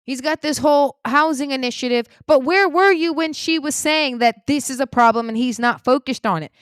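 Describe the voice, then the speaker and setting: A woman giving a heated political opinion monologue, indignant, swinging between loud outbursts and low muttering. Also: moderate pace, no echo, clean studio sound. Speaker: political commentator.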